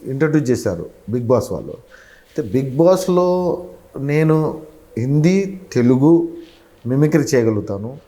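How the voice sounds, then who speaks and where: A man's voice: mid-range voice, lively intonation, a little slow, long pauses, mellow. A man, a mimicry artist, chatting as a guest in an interview, dropping in English phrases. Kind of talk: casual interview chat.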